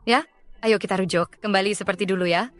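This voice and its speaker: A woman dubbing a remorseful young woman who pleads softly with her former partner. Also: medium pitch, fast talker, soft background music, lightly acted. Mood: pleading. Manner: soft, pleading. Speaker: dean's girlfriend. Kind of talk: dubbed drama acting.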